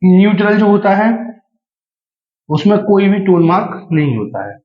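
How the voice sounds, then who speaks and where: A man teaching a language class, explaining slowly and deliberately and repeating key terms, with English phrases mixed in. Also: sits high, very animated. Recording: echoey room, dull lo-fi sound.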